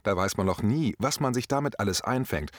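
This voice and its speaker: A brusque, disapproving party guest, as a man reads him out in a lowish voice. He sounds dismissive and clipped, with a dry, close sound and no room around it. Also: expressive, fairly quick, dry recording. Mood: indignant. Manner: curt, dismissive. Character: indignant adult party guest, curt and disapproving.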